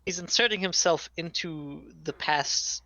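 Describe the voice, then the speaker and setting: A man's voice: fairly high pitch, unhurried, pushed and bright, dry recording. A man in casual chat about a manga, mostly agreeing and adding his own takes. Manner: agreeable, backchannels often, chimes in on the story. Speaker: podcast co-host.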